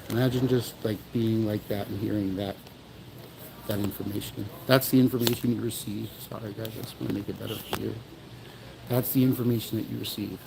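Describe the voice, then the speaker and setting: At an outdoor memorial, a male livestream host speaks earnestly and emotionally to his viewers, rambling and apologizing often. His voice is on the low side with vocal fry, and background noise can be heard.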